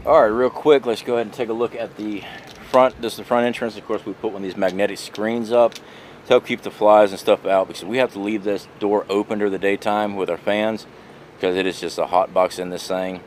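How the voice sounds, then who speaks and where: Low-pitched man giving a casual tour. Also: fairly even intonation, a little fast, a little mellow. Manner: plain-spoken, folksy, addressing viewers as guys. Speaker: vlogger giving a trailer tour. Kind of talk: casual handheld walkthrough narration. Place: outdoors around and inside a small trailer. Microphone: handheld camera or phone mic. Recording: noisy camera audio, outdoor and fan hum.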